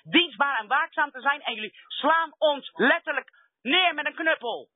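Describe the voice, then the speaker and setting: A woman's voice: high-pitched, expressive, moderate pace. A woman arguing insistently and confrontationally as an activist caller making a heated complaint over a landline phone. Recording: roomy, tinny telephone line.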